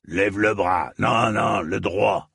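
A man voicing a stocky, bearded armorer who talks bluntly and gruffly. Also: lowish voice, slow, a bit bright, no echo, clean studio sound, full character voice. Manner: gruff, blunt, matter-of-fact.

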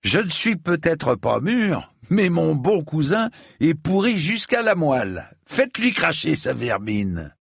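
A man voicing a bruised, defiant young knight in an audiobook, pitched high and resentful. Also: big pitch swings, unhurried, vocal fry, few pauses, slightly rough, no echo, clean studio sound, full character voice. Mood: bitter. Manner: sharp, resentful.

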